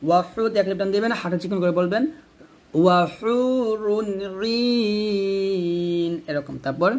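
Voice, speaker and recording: A man teaching Quran reading, reciting Arabic words slowly and drawing out the syllables, then explaining the pronunciation rules step by step. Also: high voice, animated, a little mellow. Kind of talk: tajweed recitation lesson.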